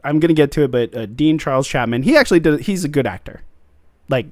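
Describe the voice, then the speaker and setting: Animated man hosting a review chat. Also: on the high side, fast, no echo, studio quality. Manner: animated, acts out quoted lines in mocking voices. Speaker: podcast host.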